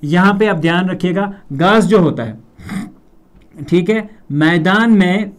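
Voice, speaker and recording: A young man with a Kashmiri accent teaching a grammar lesson, repeating words slowly and checking in often with "theek hai". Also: high voice.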